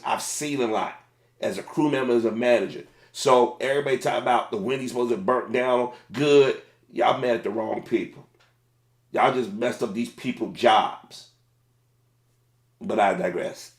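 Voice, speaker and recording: A middle-aged man, a former fast food manager, giving casual, plain-spoken commentary on a video. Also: mid-range voice, roomy sound.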